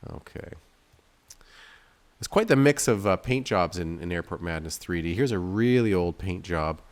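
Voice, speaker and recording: A game developer hosts a video of himself playing his own game, his low, expressive voice moving at a moderate pace. He rambles casually through the gameplay, thinking out loud and poking fun at himself.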